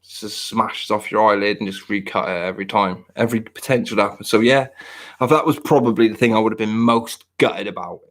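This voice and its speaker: A man's voice: fairly low pitch, steady tone, fairly quick, fairly bright tone. A man in his thirties chatting casually, rambling and poking fun at himself. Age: 30s. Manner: rambling, self-mocking, restarts often. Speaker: podcast host. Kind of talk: casual chat.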